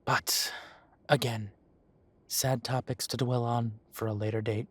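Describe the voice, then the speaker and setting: Sympathetic and sad, a male actor in a roleplay audio portrays a kindly café owner in a fantasy town who talks to the listener unhurriedly, with courteous, somewhat formal speech. His mid-range voice holds a level tone and sounds slightly rough.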